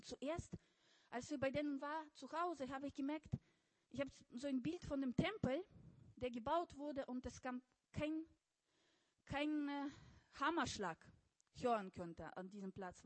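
High-voiced woman, hesitant church speaker. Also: no room sound. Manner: hesitant, with soft laughs. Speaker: congregation member introducing a speaker. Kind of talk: church talk.

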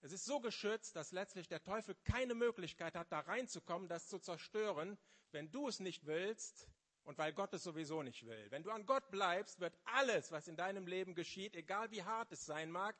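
A man in his fifties giving a testimony sermon in a church, often pausing and searching for words before building to fervent emphasis. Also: high-pitched, expressive, a bit bright. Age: 50s. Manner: halting, searching for words, then rising with fervor. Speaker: lay preacher.

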